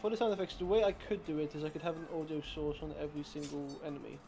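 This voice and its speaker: A young man talks through his game in a loose, rambling way, full of restarts and self-deprecating asides. His voice sits a touch high but sounds mellow and soft-edged, and faint music plays underneath. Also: steady tone, rapid-fire. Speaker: game developer co-host. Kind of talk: casual chat over gameplay.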